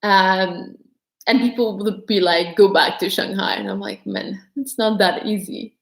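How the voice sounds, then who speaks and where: Her gravelly mid-range voice stays steady and unhurried as she fields viewers' questions in a casual livestream Q&A. The young woman's accent is a mix of English influences, mostly American, and she chats and rambles with many "like" fillers, her words echoing around the room.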